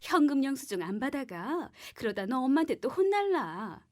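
A friendly cartoon shopkeeper with a high, lively voice. She is chatty and teasing. Noise is clearly heard behind her. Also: moderate pace. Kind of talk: animated cartoon acting.

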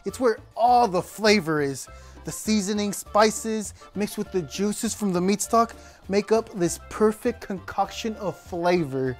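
Lively young man gushing about food. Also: high voice, unhurried, faint music behind. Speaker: sketch comedy actor. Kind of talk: comedic sketch explaining a dish.

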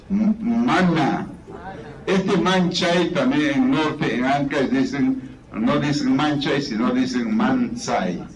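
A man with a Peruvian Spanish accent teaching a class, slowly reading word lists aloud and explaining them. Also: mid-range voice. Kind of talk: classroom vocabulary lesson. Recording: echoey room, far from the mic, noisy.

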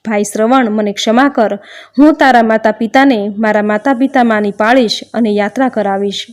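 Remorseful pleading king of old legend, read by a woman narrator, quiet and apologetic. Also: sits high, steady tone, moderate pace, lightly acted.

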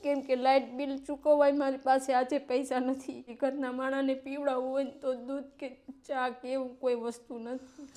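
High, pleading woman. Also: little pitch movement, moderate pace, hardly any pauses, a little mellow. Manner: pleading, tearful at times. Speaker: interviewee seeking help. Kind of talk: emotional plea in an interview.

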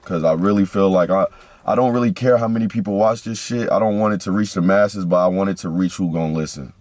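A young man in his twenties with a very low voice, talking slowly and earnestly to his camera. The sound is dry and close, with no room around it. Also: darkish tone, dry recording. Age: 20s. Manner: earnest, slow, heartfelt. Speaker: vlogger. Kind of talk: reflective vlog talk to camera.

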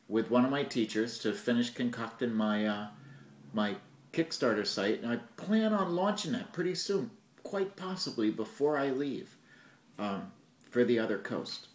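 Man, casual vlogger, rambling and joking, mouth full, mid-range voice, roomy echo. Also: medium pitch. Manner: rambling, joking asides, talks while eating. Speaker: vlogger and storytelling show host. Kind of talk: casual vlog. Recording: echoey room.

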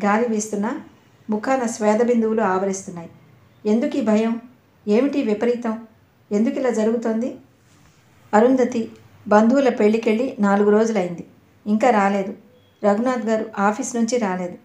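A woman narrating an audio novel in a steady, dramatic storytelling manner. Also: a little high, normal speed, long pauses. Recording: echoey room.

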